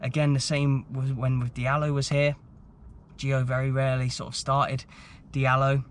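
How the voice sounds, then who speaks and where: A man's voice: mid-range voice, flat delivery, normal speed. A young man casually talking to camera about football for his vlog, chatty and rambling. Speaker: football vlogger.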